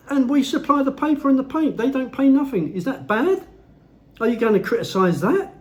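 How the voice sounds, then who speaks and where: A man ranting in his own vlog, blunt and heavily profane, talking at home. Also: extremely high pitch. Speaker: vlogger.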